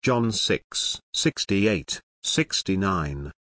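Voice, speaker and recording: A man reading a religious book aloud, measured and earnest, slowing down for each scripture citation. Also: sits low, animated, a bit bright, no room sound, studio quality. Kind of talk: audiobook reading of apologetics.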